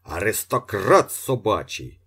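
A man voicing a drunken, abusive male yard keeper who bellows insults in a husky voice. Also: low voice, lively intonation, slow pace, full character voice. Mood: bellowing. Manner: shouting abuse.

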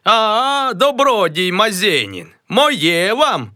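A man's voice: high voice, big pitch swings, takes it slowly, bright, forceful tone, no room sound, studio quality, voice pushed up, exaggerated voice. A man voicing a pompous middle-aged man who rehearses a grand new name in several self-important greeting voices.

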